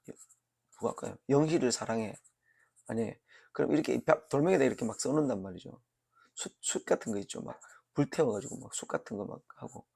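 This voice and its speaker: Gravelly-voiced Korean man preaching casually. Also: medium pitch, a little mellow. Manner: conversational, many fillers and rhetorical "right?" checks. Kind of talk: informal sermon with anecdotes.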